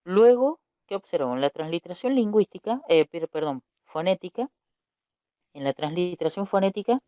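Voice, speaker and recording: A man's voice: high voice, animated, moderate pace, dark tone, smooth, no room sound. A man teaching a recorded Hebrew lesson, explaining patiently, repeating key points and correcting himself as he goes. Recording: dull lo-fi dry recording.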